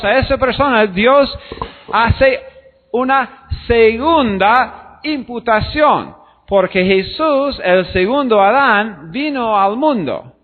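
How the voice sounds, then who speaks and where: A man preaching a sermon slowly and deliberately, repeating phrases and acting out short dialogues. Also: high voice. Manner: slow, deliberate preaching with repetitions and quoted dialogue. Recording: tinny phone-like sound with long hall reverb.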